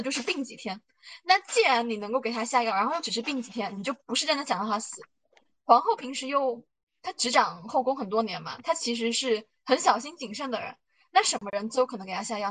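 A woman's voice: fairly high pitch, fairly bright tone, low-quality recording. A woman hosting a podcast, chattily retelling drama scenes and thinking aloud about hidden motives, with lots of fillers. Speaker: podcast host. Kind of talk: casual plot recap and analysis.

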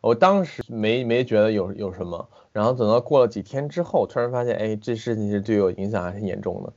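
A man with a fairly low voice talks over a muffled, lo-fi internet call. He tells his story in a lively, unscripted way, stumbling and restarting phrases as he goes. He sounds like a guest chatting with a podcast host. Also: a little fast. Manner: animated, with frequent restarts and hesitations. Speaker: guest film director. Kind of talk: casual conversation over a video call. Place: at home in the city.

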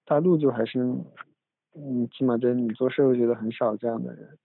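A man's voice: mid-range voice, fairly even intonation, fairly quick, creaky. A man hosts a casual academic podcast, rambling from point to point with many restarts. His voice sits in a middle range. The recording is a tinny phone capture with a dry sound and no room echo. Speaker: podcast host. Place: room in a family home.

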